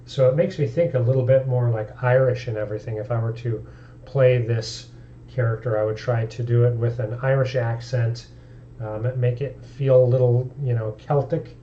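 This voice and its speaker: Man, tabletop game streamer, casual chat, thinking aloud, deep mellow tone, dull lo-fi sound. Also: steady tone, normal speed, a little hiss or hum. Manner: thinking aloud, easygoing and conversational. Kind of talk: casual live-stream talk.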